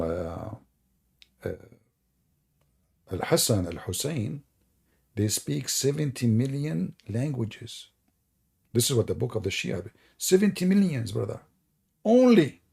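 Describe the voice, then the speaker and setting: His medium-pitched voice is creaky, slightly rough and dark in tone as he runs a live stream full of sarcastic, teasing mockery. He is a native Arabic speaker from the Middle East with an Arabic accent.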